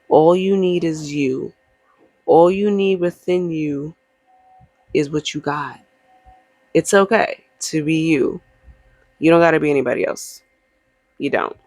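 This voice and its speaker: A woman's voice: on the low side, no echo. A woman giving a casual, encouraging tarot reading straight to the viewer, talking in a chatty way with emphatic asides. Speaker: tarot reader.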